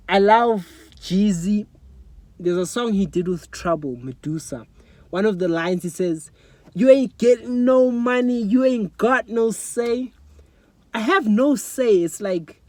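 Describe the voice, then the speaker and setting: A young South African man speaks earnestly and emotionally into his phone's front camera in a personal, reflective vlog, often asking "you know what I'm saying". His voice is high and the recording is dry.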